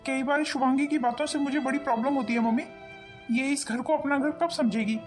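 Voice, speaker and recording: A woman's voice: high-pitched, fairly even intonation, fairly quick, darkish tone, soft background music, lightly acted. A woman voicing a frustrated, jobless young husband in a cartoon family drama, complaining in an exasperated way. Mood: fed up.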